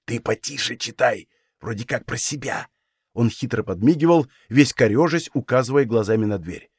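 A man reading an audiobook, voicing a stern, gruff old Cossack father who gives commands in a low, hushed voice. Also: lively intonation, a little fast, dry recording, clean studio sound, natural voice. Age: older.

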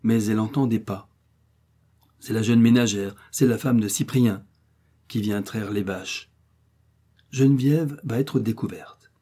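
A man giving an expressive, emphatic audiobook reading of a literary essay. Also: fairly low pitch, unhurried, long pauses, husky. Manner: emphatic, swelling rhetorical delivery. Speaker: reader.

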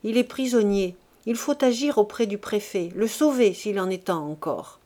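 A woman reading the lines of a calm, grave young male doctor. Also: mid-range voice, normal speed, lightly acted.

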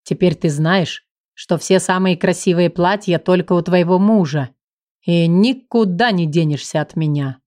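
Give me a lower-voiced young male sorcerer, acted by a woman narrator, wry and fond. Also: a little slow, a little mellow, no room sound, studio quality, close to an everyday voice. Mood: teasing. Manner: wry, affectionate, low and lazy.

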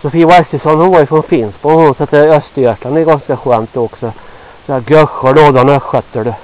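A man in his sixties from Sweden rambling gruffly to himself on a walk through a forest, sweaty and a little out of breath. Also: fairly high pitch. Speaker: vlogger. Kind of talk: rambling walk-and-talk monologue. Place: outdoors in a forest. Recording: dull lo-fi outdoor recording.

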